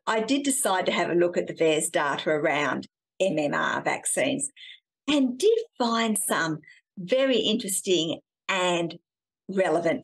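A middle-aged woman hosting a science video, explaining to camera in an animated, emphatic way from a couch in a small room. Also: lowish voice. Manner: animated, emphatic, gesturing with hands.

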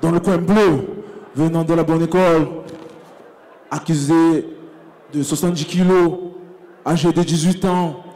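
A man in the manner of a boxing ring announcer, introducing fighters theatrically with drawn-out names. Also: fairly high pitch, fairly even intonation, dark tone. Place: live fight event arena. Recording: noisy PA in a crowded arena. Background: crowd and event noise.

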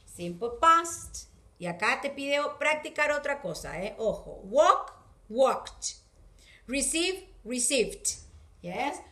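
A woman with a Rioplatense Spanish accent giving a video English class to children, saying English words slowly and with care. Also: high voice, sing-song, bright, forceful tone, reverberant. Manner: slow, careful, exaggerated English words for children. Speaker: English teacher.

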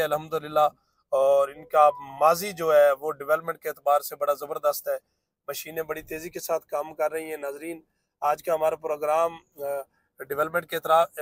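A real estate vlogger from Pakistan narrates a site tour from inside a moving car. His voice is on the high side, with no room sound, and he delivers fluent, salesy patter full of filler phrases.

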